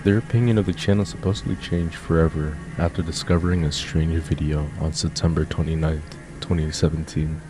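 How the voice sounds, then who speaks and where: A man reading scripted horror story narration as a YouTube narrator, in a steady, even retelling. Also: rumbling low. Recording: music playing behind.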